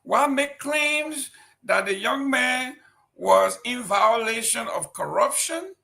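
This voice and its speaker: Speaking slowly in a very high-pitched, creaky voice that is pushed and bright, a Liberian-accented commentator reads political news. He then comments with lively intonation, firing indignant, emphatic rhetorical questions.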